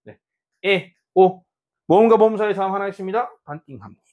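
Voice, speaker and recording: A man teaching a beginner Spanish lesson in Korean, repeating example words slowly and asking his students questions. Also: high voice, highs cut off.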